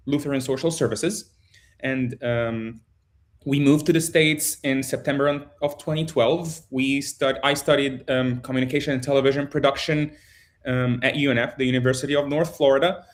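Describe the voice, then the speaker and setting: Halting man from Egypt on a call. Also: medium pitch, steady tone. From born in Jordan, grew up in Egypt. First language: Arabic. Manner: halting, many ums and restarts. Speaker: guest, photojournalist. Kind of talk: casual interview over video call.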